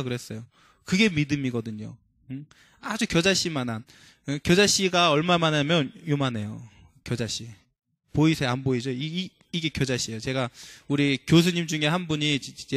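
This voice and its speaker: A male preacher giving a sermon in a church, talking to the congregation with frequent questions and slowing down for emphatic scripture quotes. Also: fairly high pitch, a bit bright, no echo, studio quality.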